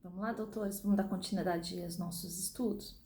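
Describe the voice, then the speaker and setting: A woman's voice: lowish voice, fairly even intonation, a little fast, warm tone. A middle-aged woman, teaching a law class in a chatty, informal way, full of fillers and restarts. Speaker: law lecturer. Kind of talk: recorded online class. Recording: echoey room.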